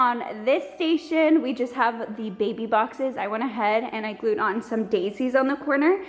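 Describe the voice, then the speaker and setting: A young woman vlogs at home in a family house, talking to the camera in a chatty, bubbly way. Her voice is on the high side at a moderate pace, and she sounds slightly out of breath in an echoey room.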